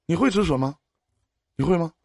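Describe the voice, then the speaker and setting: A man's voice: fairly high pitch, expressive, fairly quick, creaky, dark tone, dry recording, studio quality. A man hosting a livestream emotional advice show, talking emphatically with pointed rhetorical questions. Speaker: livestream radio host.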